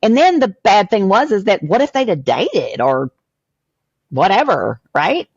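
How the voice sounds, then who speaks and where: A woman in her sixties from a small town, a podcast guest, telling her family story in an animated way that acts out what others said. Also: medium pitch, measured pace, husky, no echo, highs cut off. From southern US small town. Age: 60s. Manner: animated storyteller acting out quoted voices. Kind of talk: emotional storytelling interview.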